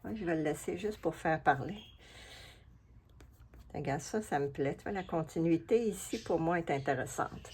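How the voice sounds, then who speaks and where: A woman with a Québécois accent and a low, deep-set voice talks through her collage work in a casual craft vlog. She muses aloud in an unhurried, chatty way, half to herself and half to her viewers. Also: expressive, darkish tone, a little hiss or hum. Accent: Québécois French. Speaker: collage artist. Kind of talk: casual craft vlog, talking while working.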